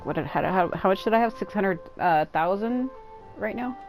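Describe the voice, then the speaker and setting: A woman's voice: mid-range voice, animated, moderate pace, loud music behind the voice. A young woman giving casual, joking commentary while playing a game, swearing freely. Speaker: gaming streamer. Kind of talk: casual let's-play commentary.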